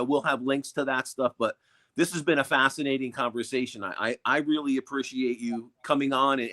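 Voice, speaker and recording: A podcast co-host with a mid-range, slightly bright voice keeps a casual interview upbeat, asking questions and thanking his guest.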